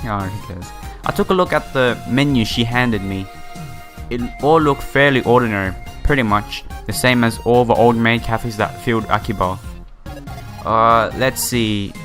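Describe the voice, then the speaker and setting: A let's player narrates a visual novel playthrough with a mid-range, fairly bright voice at normal speed. He reads the text aloud, stumbling here and there and tossing in casual, slangy asides. Background music plays underneath.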